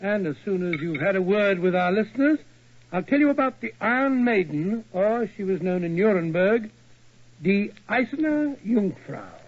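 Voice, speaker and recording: A genial, easily flustered doctor narrates in a high, blustery voice. It comes through with the dull, muffled tone of an old 1940s radio recording. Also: male voice, expressive, normal speed. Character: genial, bumbling English doctor sidekick.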